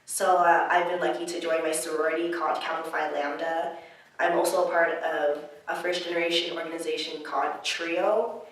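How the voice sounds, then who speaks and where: A young adult woman, a college student whose first language is Chinese, answers interview questions reflectively and casually, saying "like" a lot. Her voice is low with little pitch movement at a normal speed. She's recorded in an echoey room with the mic far away.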